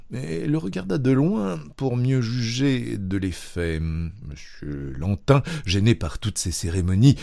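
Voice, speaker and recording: A man narrating a classic story aloud in a measured, expressive reading. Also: lowish voice, creaky. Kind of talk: literary reading.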